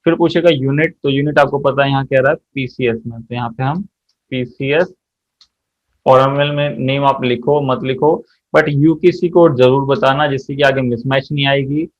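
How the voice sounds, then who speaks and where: A man teaching an accounting software class, walking through each step and quizzing his students as he goes. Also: mid-range voice, highs cut off. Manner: explains step by step, often checks students' answers. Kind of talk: software tutorial lesson.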